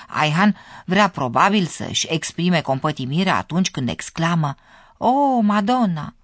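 A narrator giving scripted, measured explanations in a radio language course. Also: medium pitch, lively intonation, a bit bright, no room sound.

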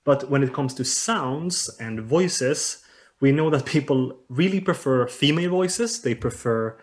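A man's voice: medium pitch, animated, a little slow. A researcher explains his work as a podcast guest. The man hesitates often and restarts his sentences with fillers. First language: Swedish. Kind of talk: podcast interview.

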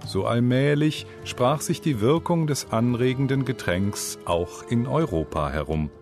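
A man giving scripted educational narration for a language-learning program, in a lively storytelling manner. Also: mid-range voice, unhurried, over music.

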